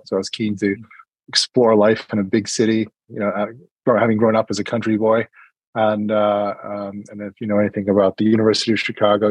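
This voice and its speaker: A middle-aged man from New Hampshire speaks as an interview guest, casual and hesitant, full of fillers and restarts. His American accent sounds partly British, and his voice sits on the low side. The audio is poor but has no echo.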